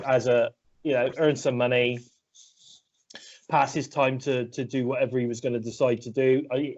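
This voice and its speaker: A British man, stuffed up with a cold, co-hosts a casual podcast chat about wrestling, rambling hesitantly and constantly restarting his sentences. His voice is medium-pitched with a darkish tone, and the lo-fi recording sounds dull.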